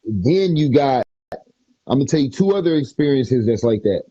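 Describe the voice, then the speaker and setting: A man's voice: mid-range voice, lively intonation, moderate pace, warm tone, husky, no echo. A man in casual podcast chat, telling laid-back, rambling stories. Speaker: podcast speaker. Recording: dry, dull lo-fi sound.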